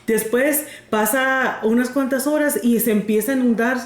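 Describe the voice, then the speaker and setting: A woman podcast host telling a faith story with animated, preachy energy. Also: on the high side, normal speed. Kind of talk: casual faith talk with storytelling. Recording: echoey room.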